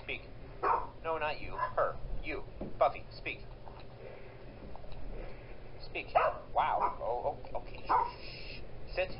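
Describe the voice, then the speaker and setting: A man's voice: on the high side, animated, takes it slowly, long pauses. A man talking casually in a home vlog, coaxing and giving commands to his pet dogs. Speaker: vlogger. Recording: lo-fi home video with loud background noise.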